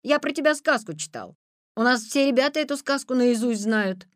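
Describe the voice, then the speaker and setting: Bossy shouting schoolboy, as a woman puts him on. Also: a little high, expressive, moderate pace, no echo, clean studio sound, pitched above the performer's own voice, close to an everyday voice. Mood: urgent. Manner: shouting, commanding. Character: bold, bossy young schoolboy.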